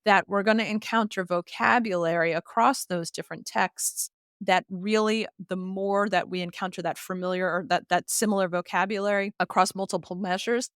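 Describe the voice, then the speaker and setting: A literacy educator and author appears as an expert guest, her mid-range, fairly bright voice steady, clean and moderately paced. The clean studio sound has no echo, and her interview answers are articulate, emphatic and teacherly, built on examples and lists.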